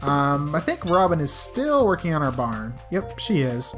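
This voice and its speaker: A woman's voice: low voice, sing-song, measured pace. A young woman with a scratchy voice giving playful, chatty commentary as she hosts a let's play. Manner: playful, chatty, talks to game characters. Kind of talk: casual game commentary. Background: soft game music.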